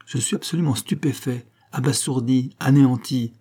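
Guy reading a worked-up businessman, odd accent, keeps exclaiming, low husky voice. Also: normal speed, mellow, lightly acted. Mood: astonished.

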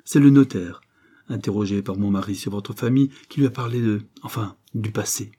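A man voicing a gentle, tearful elderly noblewoman and grandmother in an audiobook, speaking with soft, earnest pleading. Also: lowish voice, a little fast, slightly rough. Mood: warm, insistent.

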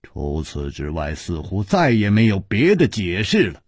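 A storyteller giving voice to a composed, clever hero who lays out his reasoning with a faint sneer. The delivery is slow and low, with a husky grain and dry close sound. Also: huge pitch swings, dry recording, exaggerated voice. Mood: cool. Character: calm, shrewd male hero, cool and cutting.

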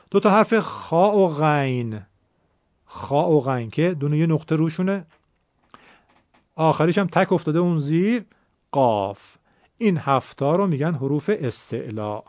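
A man with an Iranian Persian accent talks through a tajweed lesson in a patient, explanatory way, pausing to repeat the main points. His voice sits a little high for a man. It comes across dry and close, with a dull lo-fi sound. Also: darkish tone, dry recording. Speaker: Quran recitation teacher. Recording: dull lo-fi recording.

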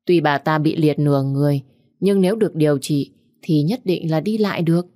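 A woman's voice: low-pitched, brisk, warm tone, no echo, clean studio sound. A woman narrating a family drama story steadily. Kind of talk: story narration with acted dialogue.

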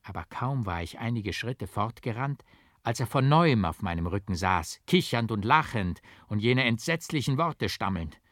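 A man reading a dark old tale aloud as a narrator, with strong stresses and a firm rhythm. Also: lowish voice, moderate pace, dry recording, clean studio sound. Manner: expressive, strongly rhythmic and emphatic. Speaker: audiobook reader. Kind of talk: dramatic literary reading. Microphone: close studio mic, dry.

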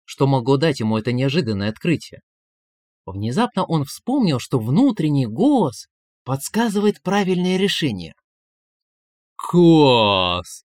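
Lively wry male storyteller. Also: fairly high pitch, normal speed, dry recording, studio quality. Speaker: narrator. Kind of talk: audiobook storytelling.

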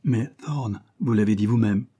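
A man's voice: lowish voice, normal speed, mellow, husky. A man voicing a passionate young woman in an audiobook, given to pleading, sobbing outbursts. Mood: guarded.

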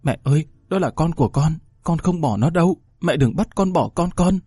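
A man voicing a soft-spoken, tearful young woman in a read-aloud story. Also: a little high, animated, moderate pace, slightly rough, dry recording, clean studio sound, pitched above the performer's own voice. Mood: pleading.

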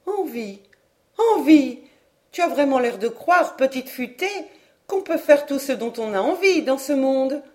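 A woman's voice: high-pitched, lively intonation, moderate pace, voice pushed up. A woman voicing an anxious, proper older aunt who speaks in a fretful, prim, exclaiming way in an audiobook.

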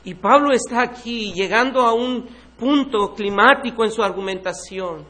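A man's voice: high voice, normal speed, sharp tone. A man preaching a Sunday morning sermon in a church, earnest and asking his congregation searching questions. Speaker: pastor.

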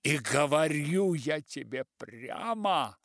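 A man doing a shouting, preachy old writer. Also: a little high, lively intonation, no room sound, studio quality, voice pushed up, exaggerated voice. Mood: indignant shouting. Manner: loud, preachy, slow and insistent. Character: shouting, self-righteous old male writer.

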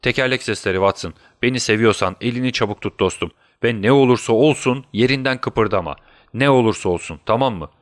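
A man's voice: mid-range voice, brisk, dry recording, studio quality, lightly acted. Sherlock Holmes voiced by a man. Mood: urgent, commanding. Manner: urgent commands, then feeble whispers. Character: brilliant male detective feigning deadly illness. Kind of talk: audiobook character voice.

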